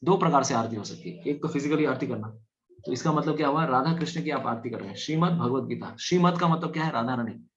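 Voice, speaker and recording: A man's voice: mid-range voice, fast talker. A man preaching a sermon, telling stories and acting out the voices in them. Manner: animated storytelling, acts out voices. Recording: dull lo-fi recording.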